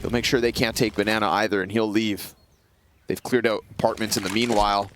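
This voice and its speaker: A man's voice: on the low side, steady tone, fairly quick, background noise. A man calling an esports match play by play, with dramatic, punchy caster delivery.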